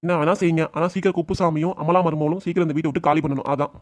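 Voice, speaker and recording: A man voicing a stern, stubborn elderly father-in-law in an amateur cartoon, scolding his family in rapid bursts. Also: fairly high pitch, fairly even intonation, natural voice.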